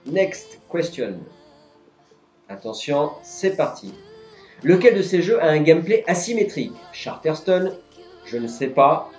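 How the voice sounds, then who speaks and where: A man's voice: on the high side, darkish tone. Man hosting a quiz in a roomy space. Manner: patiently explains each answer. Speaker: quiz host. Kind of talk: live-stream quiz hosting. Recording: roomy, dull lo-fi sound, faint music.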